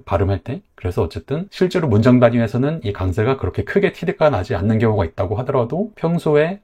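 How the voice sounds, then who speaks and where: Guy teaching pronunciation, talks quick and patient, warm lowish voice. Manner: patient, step-by-step explaining. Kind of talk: explanatory lesson.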